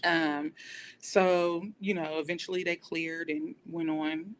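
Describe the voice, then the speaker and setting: An American woman, a police dispatcher appearing as a podcast guest, speaks slowly with little pitch movement. In a conversational interview she reflectively explains and recounts events, often saying "you know." Noticeable background noise and a low rumble are present.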